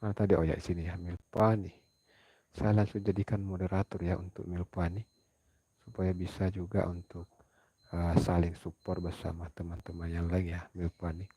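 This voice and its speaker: A man from South Sulawesi hosting a casual late-night livestream, speaking in a hushed voice so as not to wake others, reading viewer comments aloud and answering them at home at night. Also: deep voice, flat delivery, normal speed, husky, no echo. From South Sulawesi, Indonesia. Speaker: livestream host.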